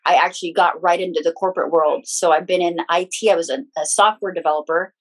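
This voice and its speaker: A middle-aged woman from the Philippines, a spiritual teacher and author, guests on a podcast and talks frankly about her life through personal anecdotes with small laughs. Her voice is lowish and steady, she talks fast, and the recording is rough.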